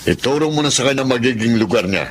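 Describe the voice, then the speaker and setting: A man's voice: medium pitch, animated, quick pace, slight background noise, lightly acted. A man playing a curt, bossy rich employer. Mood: commanding. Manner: commanding, curt. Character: stern wealthy male employer, domineering. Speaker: wealthy creditor. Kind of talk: radio drama acting.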